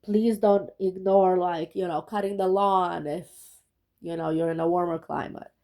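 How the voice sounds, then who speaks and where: Sick lady doing a chill tarot reading, mellow voice, keeps saying okay?. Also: on the low side, fairly even intonation, measured pace, rough recording. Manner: chatty, keeps checking in with "okay?". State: sick, rough voice. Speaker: tarot reader. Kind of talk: casual tarot reading to viewers.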